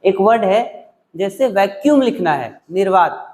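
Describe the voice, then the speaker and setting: A male teacher, taking students through spelling in an exam-prep English class, repeating words slowly syllable by syllable. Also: high-pitched, expressive, a little mellow.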